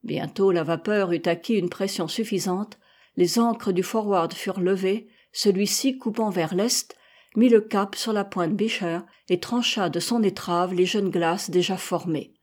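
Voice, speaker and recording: A woman reading a classic adventure novel aloud in measured, deliberate narration. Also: mid-range voice, a little mellow. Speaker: audiobook reader.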